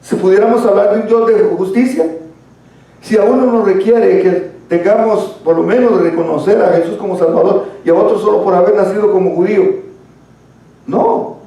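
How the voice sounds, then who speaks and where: A man with a high, gravelly voice teaches a church Bible study, explaining patiently and calling listeners brother. His tone is mellow rather than bright. He is heard from far off in a very echoey hall. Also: fairly even intonation, moderate pace. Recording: echoey room, far from mic.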